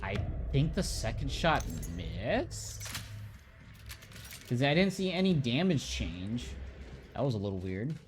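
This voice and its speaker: A man casually commenting on his own gameplay, talking to himself in a relaxed, offhand way as he plays a horror game. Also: mid-range voice, takes it slowly, long pauses, background noise. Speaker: let's play gamer.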